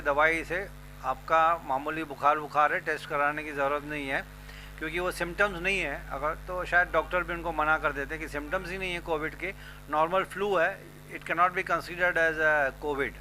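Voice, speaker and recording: A man's voice: a little high, steady tone, moderate pace, pushed and bright, slight background noise, poor audio. A man from India, a news presenter, explaining at length and persuading people, mixing Hindi with English phrases. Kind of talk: explanatory talk and street interviews.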